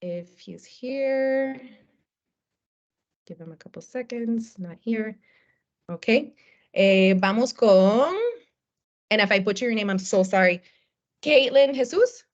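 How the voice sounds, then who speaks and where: Woman, call host, upbeat, slightly high voice, muffled video-call sound. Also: takes it slowly, long pauses. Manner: upbeat, mixes in Spanish words. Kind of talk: casual video call facilitation. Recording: dull video call audio.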